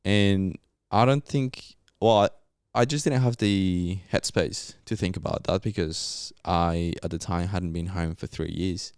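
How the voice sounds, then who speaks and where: A man's voice: low voice, unhurried, hardly any pauses, darkish tone, clear, resonant tone, dry recording, studio quality. A young man from Colombia, a native Spanish speaker, telling his story casually in an interview with laid-back, slangy Australian-style phrasing. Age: young adult. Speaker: podcast guest, geologist.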